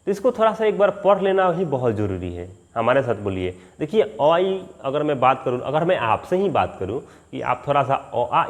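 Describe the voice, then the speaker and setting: A man teaching a spoken English lesson at a board, drawing out sounds slowly to demonstrate and often checking that students follow. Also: a little high. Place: classroom with a board.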